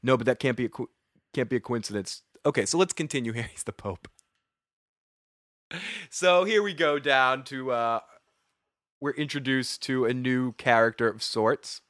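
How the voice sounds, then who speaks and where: A man with a Boston accent talks through a TV episode recap, sniffly from a cold. He rambles and restarts, repeating words as he thinks aloud. His voice sits at a middling pitch and sounds dry and close, with no room in it. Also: normal speed, fairly bright tone, no room sound. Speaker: TV episode reviewer. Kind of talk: casual recap chat.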